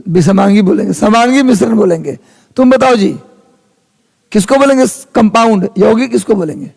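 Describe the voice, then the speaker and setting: A man's voice: sits high, normal speed, vocal fry, darkish tone, breathy edge. A man, teaching a live class in a casual chatty way and teasing his students. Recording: long reverb of a hall.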